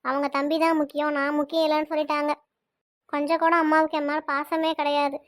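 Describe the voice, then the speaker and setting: A woman voicing a tearful, resigned young adult daughter in a cartoon, speaking in Tirunelveli Tamil with sad, pleading, quick talk. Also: high-pitched, little pitch movement, dry recording, studio quality, lightly acted. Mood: upset. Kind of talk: cartoon dialogue.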